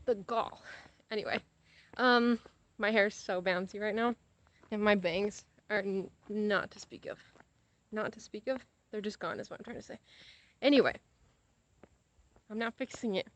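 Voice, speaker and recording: This young adult vlogger is an American woman with a medium-pitched voice and a moderate pace. Walking outdoors, she talks casually, wandering off topic with playful exaggeration. There's no echo on the audio.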